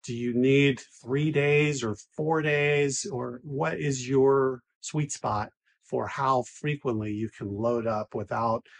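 A husky-voiced man in his forties explains things to camera like a physical therapist, walking through his points in order. His tone stays mid-pitched and even, and the lapel mic picks him up close in a clinic room. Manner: methodical, enumerating points.

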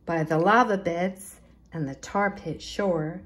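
Her fairly low voice carries a children's picture book as she reads aloud for storytime. The librarian is expressive and careful, leaning into the rhythm and rhymes.

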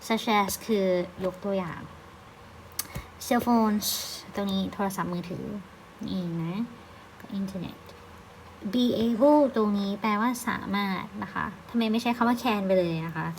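A woman with a Thai accent teaching English, reading English words slowly and explaining them patiently with polite particles. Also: medium pitch, slight background noise, low-quality recording. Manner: slow, careful English reading. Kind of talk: recorded online lesson.

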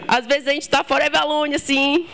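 A woman's voice: high-pitched, steady tone, brisk, a bit bright. A young woman from Ceará, giving a short live tech talk in a casual, joking, chatty way with the audience. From Ceará, Brazil. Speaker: conference speaker.

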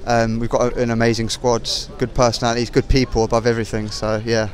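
A young male footballer answers post-match questions outdoors, talking in a flat, even tone. He speaks haltingly, with plenty of fillers and restarts, into a handheld mic. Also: mid-range voice. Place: outdoors at a stadium car park.

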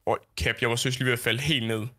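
Laid back guy gaming with his buddy, medium pitch, easygoing. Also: steady tone, a crowd in the background. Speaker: let's play co-host. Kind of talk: casual gaming chat.

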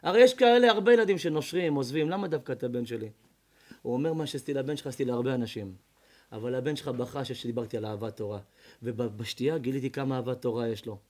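A male rabbi telling a story in a sermon, acting out each character's lines and swinging from loud to hushed. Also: medium pitch. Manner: dramatic, voicing characters in the tales with big swings in loudness. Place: evening lecture before an audience.

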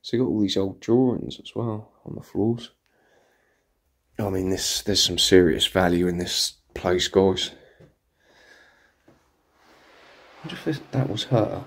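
An English urban explorer hosts a walkthrough vlog, moving through an empty house indoors and marvelling at it in excited asides to his viewers. His voice sits low, and he speaks in an unhurried way with long pauses.

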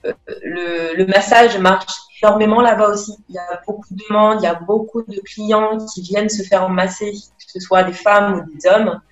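A young woman joins a video call as an interview guest from a small room, speaking casually but hesitantly, with many fillers and restarts. Her mid-range voice is fairly even and moderately paced with hardly any pauses. The laptop webcam mic gives roomy, dull, lo-fi audio with faint music behind it.

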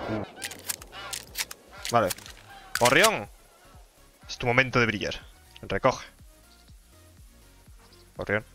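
A man's voice: medium pitch, sharp tone. Playful young man commenting on gameplay. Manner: playful, chatty, talks to his dog in the game. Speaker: gaming YouTuber.

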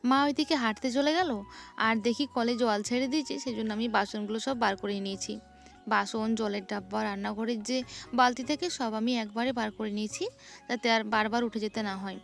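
A woman's voice: fairly high pitch, steady tone, fast, creaky, soft background music. A young woman, narrating her morning chores in a chatty home vlog. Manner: chatty, describing chores as she goes. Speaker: vlogger.

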